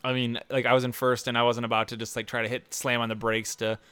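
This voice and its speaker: A man's voice: mid-range voice, level tone, fast, a bit bright, smooth, no echo. A young man casually commenting on a racing game, rambling with lots of fillers, swearing and laughing often. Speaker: gameplay commentator. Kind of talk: casual gaming chat.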